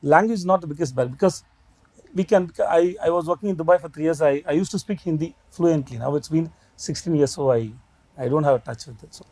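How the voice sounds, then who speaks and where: A man's voice: on the high side, fast, darkish tone, no echo, poor audio. A man from South India with a South Indian accent, talking casually in an interview.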